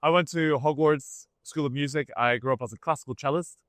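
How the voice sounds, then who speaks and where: A man's voice: a little high, a little fast, fairly bright tone, dry recording, studio quality. A man who grew up in Scotland, speaking with a posh English accent, talking bluntly and provocatively as an interview guest. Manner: blunt, provocative, laughs at own jokes. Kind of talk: casual interview talk.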